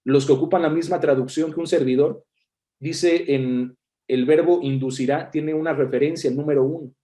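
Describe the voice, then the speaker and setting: A man with a Mexican Spanish accent preaches from the Bible, working through the verses aloud and explaining them one by one. His voice sits fairly high but sounds warm and mellow. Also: fairly even intonation, moderate pace. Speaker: minister. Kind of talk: sermon.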